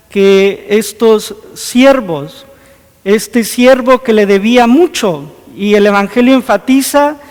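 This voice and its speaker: Priest giving a homily, high voice, slow and earnest, long church echo. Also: male voice. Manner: earnest, rhetorical questions, acts out scripture scenes. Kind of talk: sermon. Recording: long hall reverb.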